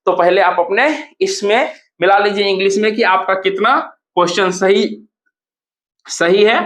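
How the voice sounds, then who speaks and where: A man's voice: sits high, steady tone, unhurried, fairly bright tone. A male coaching teacher, going over exam answers step by step and spelling words out letter by letter. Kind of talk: exam answer review lesson. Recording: echoey room.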